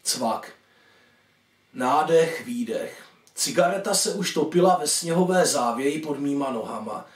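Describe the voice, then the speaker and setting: A man reads his own short story with lively, swinging pitch and a slightly high voice. He sits back from the microphone in an echoey room. He voices each caller as he goes. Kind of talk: dramatic story reading. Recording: echoey room, distant mic.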